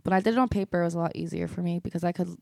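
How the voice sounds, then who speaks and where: A woman's voice: on the low side, racing, gravelly, a little mellow, no room sound. Chatty woman in her 20s on a podcast, giggles a lot, dry close sound. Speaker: podcast producer, co-host. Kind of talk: casual chat.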